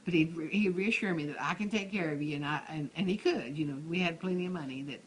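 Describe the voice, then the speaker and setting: A woman's voice: lowish voice, fast talker. Elderly Texas woman reminiscing, noisy room. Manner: rambling, repeats and restarts phrases. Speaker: retired schoolteacher being interviewed. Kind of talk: reminiscing, conversational storytelling.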